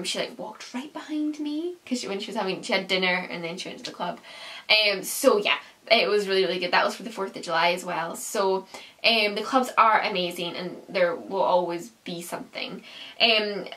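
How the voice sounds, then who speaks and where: A woman's voice: mid-range voice, bright, forceful tone, distant mic. A young woman in her twenties from the UK gives a chatty, casual travel recap to camera from a small bedroom, often saying "um" and "like". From United Kingdom. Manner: chatty, with frequent "um" and "like". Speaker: travel vlogger.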